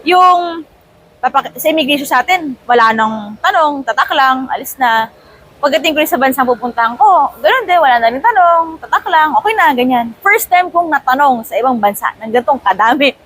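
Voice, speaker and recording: Speaking a little fast in a high voice, this woman from the Philippines, in her thirties, recounts a story while at an airport terminal. She's a travel vlogger with a chatty, lively manner who slips English phrases in as she goes. The audio is rough.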